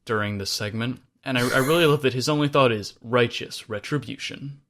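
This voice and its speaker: Male podcast co-host, casual chat, dry deadpan delivery. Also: mid-range voice, brisk.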